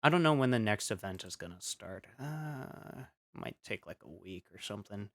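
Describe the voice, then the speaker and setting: A man's voice: lowish voice, lively intonation, normal speed, no room sound, studio quality. A man streaming casually, rambling with many fillers as he reads chat aloud, still coughing after an illness.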